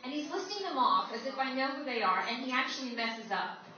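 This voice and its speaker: A woman's voice: high-pitched, lively intonation, fairly quick, pushed and bright. Sarcastic woman comic in an echoey hall. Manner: sarcastic, exasperated storytelling. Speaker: stand-up comedian. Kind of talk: stand-up comedy set. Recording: echoey, distant, dull, noisy live recording.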